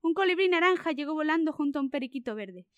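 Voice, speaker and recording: A woman's voice: high voice, lively intonation, quick pace, dry recording, dull audio. A woman narrating an animal storybook aloud, reading expressively.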